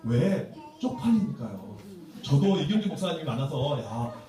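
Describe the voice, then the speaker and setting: Playful pastor in an echoey hall. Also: male voice, fairly high pitch, big pitch swings, quick pace, warm tone, faint music behind. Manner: storytelling, playful, acts out quotes. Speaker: pastor giving a teacher seminar. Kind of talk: humorous church seminar talk. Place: church sanctuary. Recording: echoey church hall from far off.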